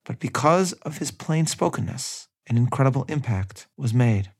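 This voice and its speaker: A man narrating a scripted history episode at a measured reading pace, adding his own opinions. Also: mid-range voice, expressive, slightly rough. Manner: measured reading with personal asides. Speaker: history podcast host.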